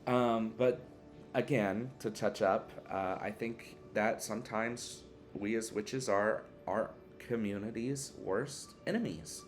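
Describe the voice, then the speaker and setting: A tired man answering tag questions in a relaxed, rambling casual chat at home, yawning now and then. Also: fairly low pitch, takes it slowly, faint music behind. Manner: relaxed, rambling, with fillers and restarts. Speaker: witchcraft vlogger answering a tag. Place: one-bedroom apartment.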